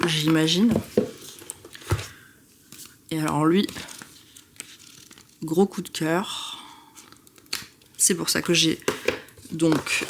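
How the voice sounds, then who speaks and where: Excitable chatty woman with a lowish voice. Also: slight background noise. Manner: chatty, excitable, self-interrupting with many fillers. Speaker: tarot vlogger. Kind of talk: casual chat.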